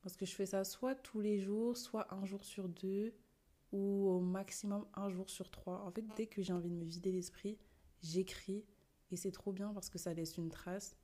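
A woman's voice: mid-range voice, fairly even intonation, moderate pace, mellow. A young woman hosting a podcast, talking casually and expressively to her listeners, tossing in English words. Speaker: podcast host. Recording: poor sound quality.

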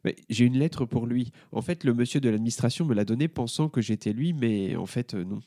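A man's voice: medium pitch, fairly quick, dark tone, no echo, clean studio sound, lightly acted. A man voicing a confused young schoolboy who hesitates and stammers in a children's story. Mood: puzzled. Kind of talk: storybook character voice.

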